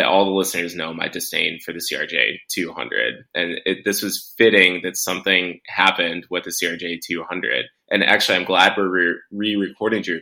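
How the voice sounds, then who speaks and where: A man, an airline pilot co-hosting a podcast, chatting and telling stories over a degraded, low-quality remote audio stream. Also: gravelly, bright, forceful tone. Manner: chatty storyteller, laughs easily. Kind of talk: casual podcast chat.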